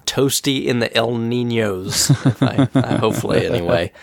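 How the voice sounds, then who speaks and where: This podcast host has a cold, so his mid-range voice comes out a little nasal and scratchy, with vocal fry. He chats casually at a normal speed, laughing often through animated retellings of his stories. The studio-quality recording has no echo.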